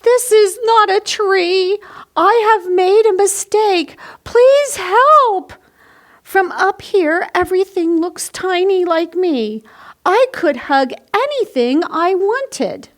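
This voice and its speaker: A woman's voice: very high-pitched, expressive, takes it slowly, voice pushed up, heavily acted. A woman voicing a tiny, innocent young dinosaur who speaks in simple, solemn declarations, in a children's picture book read-aloud. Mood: alarmed, regretful.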